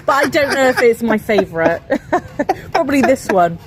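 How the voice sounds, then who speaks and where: A woman's voice: a little high, sing-song, unhurried, background noise. A woman chatting casually, laughing now and then. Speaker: interviewee. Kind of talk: casual chat.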